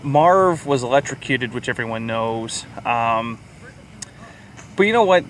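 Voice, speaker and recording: A podcast co-host reviews a movie in a casual, crude, joking, and profane way, his voice expressive and unhurried. He's outdoors or in a car near a highway, and traffic noise from it can be heard throughout.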